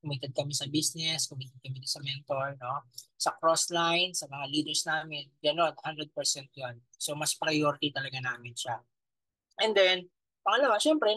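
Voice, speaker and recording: A man in his thirties with a Filipino accent gives an animated motivational talk to a live audience. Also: a little high, no echo, rough recording. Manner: animated, talks straight to the audience. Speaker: motivational speaker.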